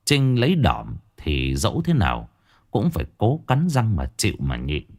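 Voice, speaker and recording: A man's voice: fairly low pitch, huge pitch swings, moderate pace, a little mellow. A man narrating a ghost story with a dramatic, swinging delivery.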